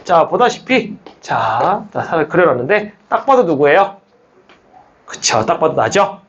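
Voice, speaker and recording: A man's voice: a little high, measured pace, highs cut off, slight background noise. A middle-aged man teaching math to a class, explaining step by step, teasing his students and asking them questions as he goes. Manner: lively, jokey teacher who teases students and asks questions back.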